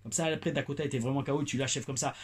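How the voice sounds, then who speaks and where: Husky French man reviewing wrestling. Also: mid-range voice, rapid-fire. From France. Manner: animated, playful asides. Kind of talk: casual review commentary.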